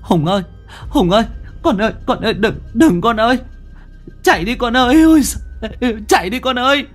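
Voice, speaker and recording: A man's voice: lively intonation, normal speed, soft background music. A man voicing a frightened old mother in a ghost story, crying out and stammering. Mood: panicked. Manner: stammering, breathless, high cries. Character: terrified old mother, frantic and shaky.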